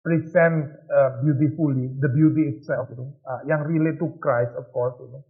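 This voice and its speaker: A man, a pastor, teaching a youth Bible study in a conversational lecture, asking the group rhetorical questions. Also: medium pitch. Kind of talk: informal lecture. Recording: tinny phone-like lo-fi recording.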